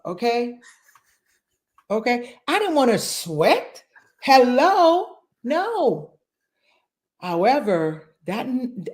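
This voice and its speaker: A woman in her sixties talks as a guest about coaching people toward better health. She speaks emphatically and repeats key phrases for effect. Her voice sits somewhat high for a woman. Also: darkish tone. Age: 60s. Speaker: fitness and nutrition coach. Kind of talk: interview guest.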